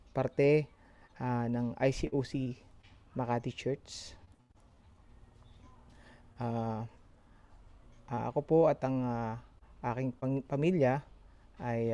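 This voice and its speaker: A middle-aged Filipino man giving an informal, halting sermon, his speech slightly slurred from a swollen mouth after having a tooth pulled. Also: mid-range voice, gravelly, dark tone. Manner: halting, hesitant. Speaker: church member giving a short sermon. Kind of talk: informal sermon in mixed Tagalog and English.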